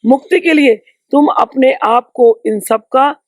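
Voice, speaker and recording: A woman spiritual teacher giving emphatic, conversational teachings in a podcast, with storytelling and sharp rhetorical asides. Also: high voice, takes it slowly, no room sound. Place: indoor podcast recording.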